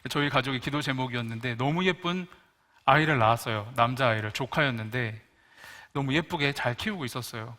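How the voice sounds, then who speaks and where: A man, a pastor, giving a sermon as an animated story and joking with the congregation. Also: a little high.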